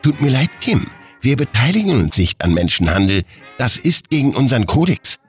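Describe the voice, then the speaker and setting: A steady, wry smuggler captain, a woman who talks business in a raised, even tone, as a man reads her. Her delivery swings in lively curves while staying diplomatic. She belongs to an audiobook space adventure. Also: faint music behind. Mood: firm. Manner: raised pitch, measured and diplomatic.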